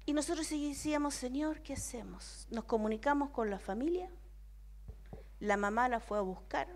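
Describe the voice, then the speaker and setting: Argentine woman, high voice, young adult preacher, testimony-style sermon, hushed prayers and emphatic outbursts. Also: expressive, normal speed. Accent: Argentine Spanish. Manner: storytelling, swings from hushed quoted prayers to emphatic exclamations.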